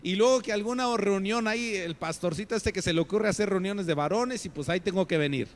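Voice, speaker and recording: A man's voice: high-pitched, a little fast. A Mexican man preaching a sermon in a conversational way, asking his listeners many rhetorical questions and acting out other people's voices.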